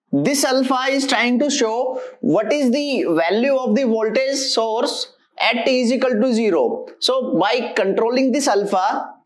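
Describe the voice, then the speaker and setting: Working through equations in a halting, methodical way, this engineering teacher gives a step-by-step technical lecture in a fairly high-pitched voice.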